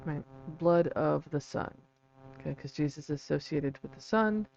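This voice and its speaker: A man with vocal fry giving a casual, halting livestream explanation, often checking in with a quick "right?" or "okay". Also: fairly high pitch, a little mellow. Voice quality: vocal fry from an old vocal cord injury. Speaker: livestream host and researcher. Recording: dull lo-fi mic with faint hum.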